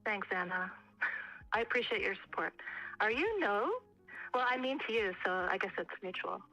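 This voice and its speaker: A woman's voice: mid-range voice, animated, moderate pace, bright, forceful tone, soft background music. A woman calling in over speakerphone, chatting casually and teasing the host playfully. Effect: on speakerphone over a phone call. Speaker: caller. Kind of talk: casual chat. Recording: muffled speakerphone call audio.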